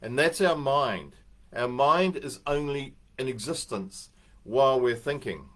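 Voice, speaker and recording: A man's voice: medium pitch, expressive, unhurried. Older New man giving a rambling talk. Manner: rambling, anecdotal, with restarts and chuckles. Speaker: host. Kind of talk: casual spoken talk.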